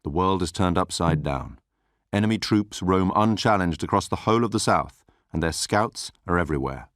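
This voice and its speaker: A man delivering solemn, measured dramatic narration as a game's mission briefing narrator. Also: deep voice, expressive, a bit bright, dry recording, studio quality.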